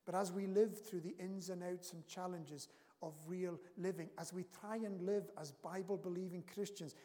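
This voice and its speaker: A man's voice: high voice, fairly even intonation, moderate pace, dark tone. A man preaching a sermon as pastor of his church, earnest and emphatic, his intensity rising and falling. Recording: long reverb of a church hall.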